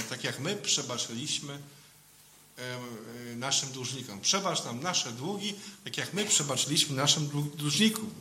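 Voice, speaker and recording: Man, priest, informal sermon, conversational, fairly high voice, piercingly bright tone. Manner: conversational, keeps adding questioning tag "nie?".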